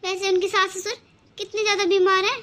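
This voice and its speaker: A patient, gentle young daughter-in-law from a cartoon story. The voice is very high and bright. She reasons calmly and coaxes kindly. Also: fast. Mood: coaxing. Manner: calm, coaxing.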